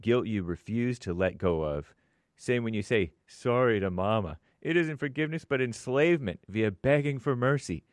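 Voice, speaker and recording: A man's voice: medium pitch, expressive, moderate pace, no room sound, studio quality. A man co-hosting a show, reading viewer messages aloud in a plain, matter-of-fact way with small asides.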